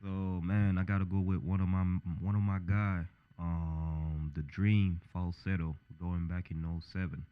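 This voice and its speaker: A man's voice: low voice, little pitch movement, a little slow, hardly any pauses, clear, resonant tone, phone-quality sound. A man in his thirties co-hosting a podcast, talking in a laid-back, slangy way and laughing often. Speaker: podcast co-host. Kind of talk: casual chat.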